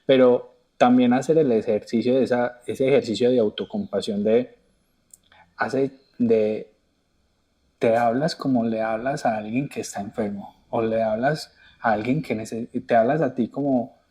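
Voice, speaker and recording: A man hosts a reflective podcast conversation. His voice is warm and a little raspy. He builds his questions slowly, restarting as he thinks. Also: medium pitch, steady tone. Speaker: podcast host. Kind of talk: conversational interview.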